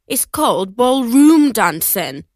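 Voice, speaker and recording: A woman's voice: fairly high pitch, sing-song, slow, darkish tone, no room sound, studio quality, heavily acted. A woman reading aloud and voicing a tired, grumbling father who mutters corrections. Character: weary grumbling father, a bit pompous.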